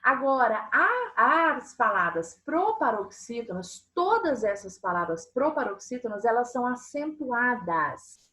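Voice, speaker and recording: Woman teacher, kinda high voice, online class for kids, keeps asking if they got it. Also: very animated, measured pace, pushed and bright. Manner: patient, asks frequent check-in questions. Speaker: primary school teacher.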